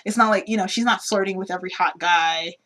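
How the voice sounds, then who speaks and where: A woman's voice: mid-range voice, fast talker. A woman co-hosting a podcast, casually talking through a film and acting out the characters' lines as she goes. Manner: animated retelling, acts out characters' lines. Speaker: podcast co-host.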